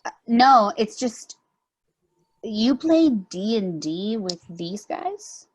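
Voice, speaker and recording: Awkward, questioning young woman played by an actress, slow delivery, dry skepticism, table-read drama. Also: medium pitch, big pitch swings, heavily acted. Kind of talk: amateur play reading.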